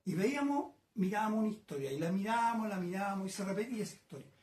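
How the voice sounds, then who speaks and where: A man's voice: high voice, expressive, a little mellow. Older Chilean man reminiscing in an echoey workshop. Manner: reflective, unhurried, frequent hesitations and tag questions. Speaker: painter being interviewed. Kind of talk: casual reminiscing interview. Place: his home painting workshop.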